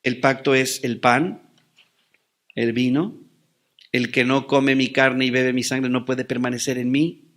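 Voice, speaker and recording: A man's voice: mid-range voice, level tone, a little slow, long pauses, fairly bright tone. A man preaching a sermon as pastor, asking rhetorical questions and answering them with rising emphasis.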